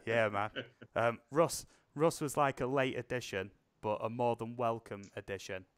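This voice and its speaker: A man's voice: mid-range voice, moderate pace, clean tone. A British man hosting a live stream, chatting casually and laughing often. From United Kingdom. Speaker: stream host. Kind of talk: casual chat.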